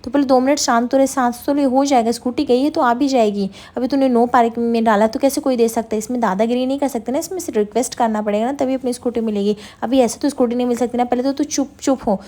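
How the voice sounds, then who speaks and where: Woman speaking as a protective young man, quick, mellow, soothing yet scolding. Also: a little high, steady tone, close to an everyday voice. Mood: reassuring.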